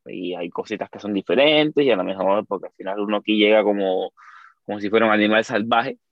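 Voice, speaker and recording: A man's voice: fairly low pitch, a little fast, no echo, highs cut off. A man from Cuba with a Cuban accent, a guest talking casually in an interview and often tossing in tag questions. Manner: animated, lots of tag questions. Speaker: guest, YouTuber.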